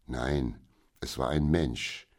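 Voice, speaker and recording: Wise old storybook merchant, soothing and measured, very deep voice, read by a male narrator. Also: steady tone, a little mellow, exaggerated voice. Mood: calm. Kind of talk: audiobook character reading.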